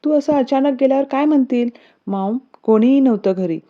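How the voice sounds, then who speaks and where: A woman voicing a middle-aged mother who scolds her son with rapid questions, on a dull lo-fi recording. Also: high voice, voice pushed up, natural voice. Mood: scolding.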